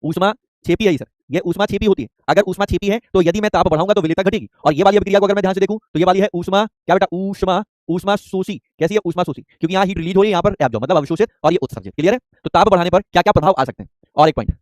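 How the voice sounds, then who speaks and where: Rapid-fire high-voiced male teacher. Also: a little mellow, dry recording, studio quality. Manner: rapid, repetitive, coaxing students with quick questions. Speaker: chemistry teacher. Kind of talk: online class lecture.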